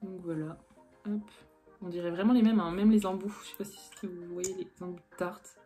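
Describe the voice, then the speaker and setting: A woman's voice: fairly low pitch, fairly even intonation, normal speed, warm tone. A young woman from France chatting casually through a makeup tutorial as a beauty vlogger, full of fillers and restarts. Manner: chatty, filler-heavy, self-correcting. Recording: faint background music.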